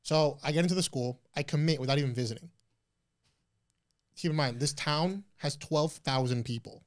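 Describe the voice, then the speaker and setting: A man in his twenties, a podcast guest telling stories in a loose, profane, animated way. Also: fairly high pitch, moderate pace. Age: 20s. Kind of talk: casual interview chat.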